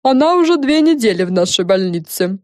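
A woman voicing a gentle female witch doctor enchanted into a mouse, in a storybook reading. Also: on the high side, very animated, a little fast, dry recording, studio quality, pitched above the performer's own voice.

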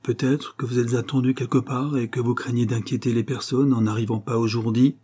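A man's voice: medium pitch, level tone, fairly quick, warm tone, slightly rough, natural voice. A man voicing an earnest superstitious coachman. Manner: earnest, respectful, believing. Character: simple superstitious old coachman. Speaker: postillion.

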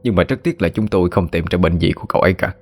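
Male narrator as a measured, formal doctor, lower register. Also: soft background music. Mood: regretful. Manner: calm, formal, regretful. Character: composed male hospital doctor.

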